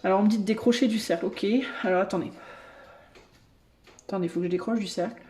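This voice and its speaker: A woman giving a channeled tarot reading to her viewers, thinking aloud and breaking into excited exclamations. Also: mid-range voice, fast talker. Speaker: tarot reader and medium.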